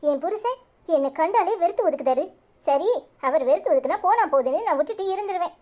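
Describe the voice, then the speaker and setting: A woman voicing a sad, rejected mother in a cartoon, speaking softly and near tears, with a Tirunelveli Tamil accent. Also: extremely high pitch, lively intonation, fast talker. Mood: sorrowful. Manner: soft, sorrowful, near tears.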